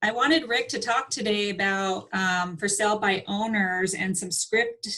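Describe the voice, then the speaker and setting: A woman hosting her team's meeting over a video call. She talks in a friendly, loose way and drifts into small asides. Her voice is bright and sharp, at a middle pitch. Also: big pitch swings, unhurried, low-quality recording. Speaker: team leader hosting the meeting.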